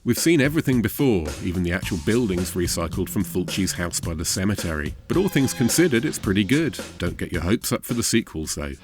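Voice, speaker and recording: A man's voice: deep voice, very animated, fairly quick, few pauses. A man narrating a scripted video essay about horror films as host, with a dry, wry delivery. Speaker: host and film critic. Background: music.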